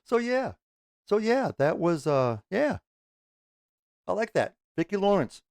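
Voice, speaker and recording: A man's voice: sits high, sing-song, a little slow, gravelly, a little mellow, a little hiss or hum. Rambling middle-aged man, casual host. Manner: rambling, self-correcting, swears casually, talks with his hands. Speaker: music reaction channel host. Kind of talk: casual chat to camera.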